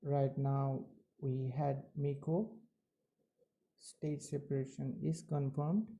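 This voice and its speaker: A man giving live technical commentary as a launch webcast host, with halting, measured phrasing. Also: medium pitch, flat delivery, creaky, mellow, lo-fi sound.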